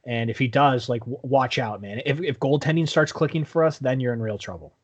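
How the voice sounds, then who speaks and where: A man's voice: medium pitch, brisk. A man with a mid-range voice co-hosts a casual sports podcast. He gives blunt opinions, swears often and leans on the filler "like". His talk is loose and conversational. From Canada. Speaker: podcast co-host.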